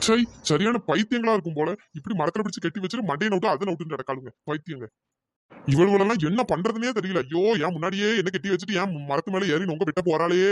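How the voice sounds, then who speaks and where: A man's voice: high-pitched, fast, hardly any pauses, lightly acted. A voice actor playing a tied-up bearded man in a cartoon, muttering complaints and moaning. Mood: grumbling. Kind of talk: cartoon voice acting.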